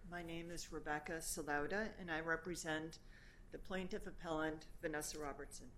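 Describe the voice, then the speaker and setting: A woman's voice: fairly low pitch, a bit bright, slight background noise. Woman attorney arguing an appeal. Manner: formal, earnest, pausing with fillers while arguing. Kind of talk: formal oral argument.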